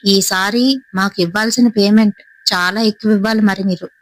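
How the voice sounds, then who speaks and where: A woman's voice: mid-range voice, steady tone, moderate pace, no room sound, natural voice. Woman voicing a nervous young henchman. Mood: wheedling. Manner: pleading, eager to please.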